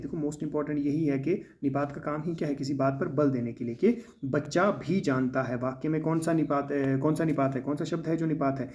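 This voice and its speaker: A man's voice: a little high, darkish tone, dull audio. A man teaching a grammar lesson for exam preparation, explaining step by step and often checking in with "है ना". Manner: explains with frequent "है ना" tags.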